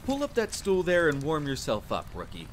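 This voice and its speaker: Here a man voices a chatty, eager young fantasy spearman, sounding welcoming and concerned as he banters with the listener in an immersive audio drama. His pitch swings hugely while his speed stays normal. Constant rain, a campfire and rolling thunder fill the background.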